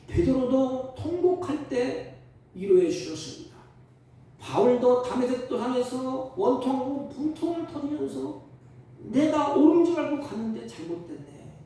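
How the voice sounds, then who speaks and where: A man's voice: very high voice, sing-song, measured pace. Man preaching in a roomy church. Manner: swings from loud preaching to hushed, tender asides. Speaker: pastor. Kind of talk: sermon. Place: church sanctuary. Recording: roomy church sound from a distant mic.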